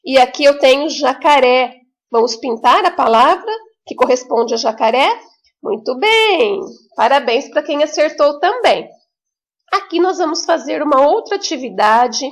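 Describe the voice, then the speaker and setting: A woman teaching a remote lesson to young children with a Brazilian Portuguese accent, in a slow, sing-song, encouraging way with drawn-out words. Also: sits high. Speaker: primary school teacher.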